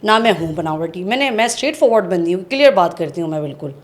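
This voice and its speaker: A woman's voice: fairly low pitch, animated. A woman with a Pakistani accent, an actress giving a casual podcast interview, outspoken and laughing often, slipping English words into her speech. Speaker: actress guest.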